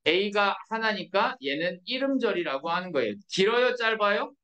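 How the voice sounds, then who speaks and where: A woman's voice: mid-range voice, animated, normal speed, fairly bright tone, lo-fi sound. A woman teaching an English grammar lesson in Korean to a class, constantly checking with her students through short questions. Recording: echoey classroom from far off.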